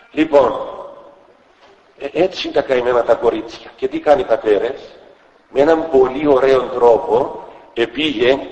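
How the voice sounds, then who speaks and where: A man's voice: medium pitch, a little mellow, echoey room, big-room sound, lo-fi sound. An older man with a Cypriot Greek accent, a bishop preaching a sermon and retelling stories, acting out the quoted dialogue. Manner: storytelling, acts out quoted dialogue. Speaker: Orthodox metropolitan bishop.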